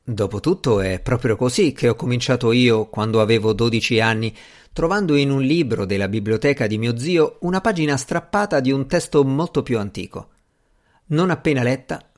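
A fretful, fussy magician, read by a man in an audiobook, possessive and anxious. He pleads and worries in a mid-pitched, everyday voice, with only a light change from plain narration. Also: expressive, normal speed, close to an everyday voice. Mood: musing. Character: fussy anxious middle-aged male magician. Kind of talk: audiobook character reading.

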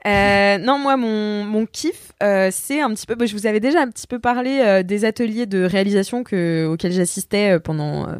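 A French woman co-hosting a podcast in casual chat, pausing often with fillers. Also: mid-range voice, dry recording. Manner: hesitant, many fillers. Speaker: podcast co-host.

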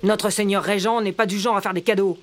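A man plays a thin, weary guard chief who trusts no one. His voice is pushed higher and louder than plain speech, short and brusque. Told as a storybook scene. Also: fairly even intonation, brisk, faint music behind. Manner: brusque and distrustful. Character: gruff suspicious male guard chief, thin and worn. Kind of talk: storybook voice acting.

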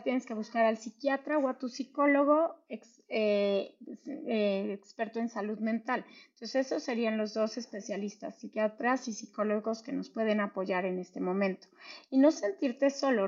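A woman's voice: a little high, darkish tone, highs cut off. A woman, a mental health specialist explaining earnestly in an interview, with many fillers and restarts.

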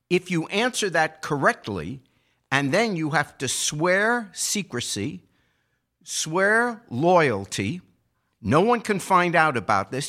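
A man's slightly high, bright, forceful voice carries his political commentary as a podcast co-host. He explains things argumentatively and emphatically, with carefully chosen phrasing.

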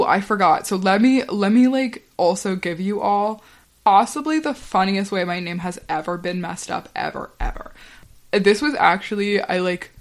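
A young woman hosts her own podcast and tells stories in a loose, chatty way. Her voice sits at an ordinary middle pitch. She fills her sentences with casual fillers and breaks into quick laughs. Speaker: podcast host. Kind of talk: casual storytelling monologue.

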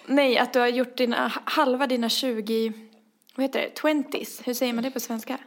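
High-voiced teasing woman podcaster. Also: little pitch movement. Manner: teasing, jokey, giggly. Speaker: podcast co-host. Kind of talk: casual chat.

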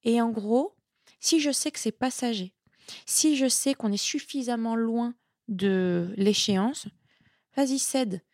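Gravelly-voiced chatty woman guest. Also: fairly high pitch, slow pace, dry recording, clean studio sound. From Italian heritage. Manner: lively, chatty, repeats words when thinking. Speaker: sports nutritionist, podcast guest. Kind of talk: casual interview talk.

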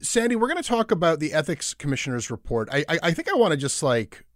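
A man's voice: on the high side, big pitch swings, fast talker, no room sound, clean studio sound. A man hosting conversational news talk in an emphatic, wry manner. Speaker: podcast host.

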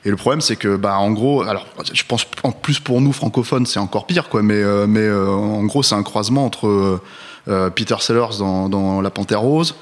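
A man's voice: on the low side, moderate pace. A man in casual film-review chat, talking with many fillers and restarts as he builds his point. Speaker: film podcast co-host.

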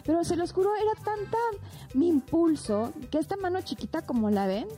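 A woman's voice: very high-pitched, sing-song, a little fast, mellow, soft background music. A young Mexican woman telling a dramatic personal story in a casual podcast chat, addressing listeners directly. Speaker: podcast co-host.

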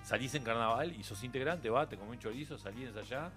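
A middle-aged man with a Uruguayan accent is a guest in a radio studio, telling anecdotes in a relaxed conversation. He talks fast at a medium pitch with a slightly bright tone, laughing often and restarting frequently. Faint music plays behind him.

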